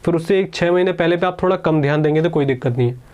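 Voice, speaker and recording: A man's voice: on the high side, darkish tone. A man teaching exam strategy in a casual, chatty lecture, often checking in with his students. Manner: quick, chatty, keeps saying "ठीक है".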